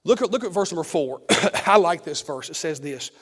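A male pastor, preaching a sermon from the pulpit in a hoarse voice, with fervent repetitions and restarts. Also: fairly high pitch, expressive, a little fast, fairly bright tone. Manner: fervent preaching with frequent restarts and repeated words. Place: church sanctuary, at the pulpit. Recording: long church reverb.

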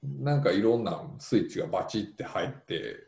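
A man's voice: fairly low pitch, fairly quick, gravelly. Kansai-accented man musing in a roomy echo. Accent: Kansai Japanese. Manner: relaxed, musing, full of fillers. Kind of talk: casual podcast chat.

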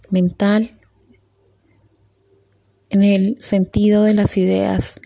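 Slow breathy woman guiding a meditation. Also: medium pitch. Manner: slow, soft and calm, with long pauses. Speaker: meditation guide. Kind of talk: guided meditation.

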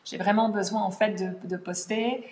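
Animated woman teacher, echoey room. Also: mid-range voice, moderate pace. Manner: animated, thinking aloud with many fillers. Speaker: podcast guest, language teacher. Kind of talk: casual podcast conversation.

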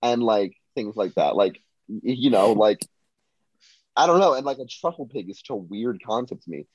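Husky guy chatting about a movie, lots of likes and you knows, lively up and down pitch, kinda dull lo-fi audio. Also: moderate pace, no echo. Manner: rambling, many fillers and restarts. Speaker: podcast co-host. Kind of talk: casual film discussion.

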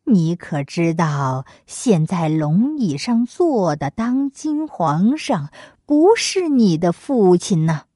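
Cocky male monkey king, lowered and coaxing, played by a woman storyteller. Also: sing-song, takes it slowly, few pauses, mellow, dry recording, studio quality, heavily acted. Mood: sly.

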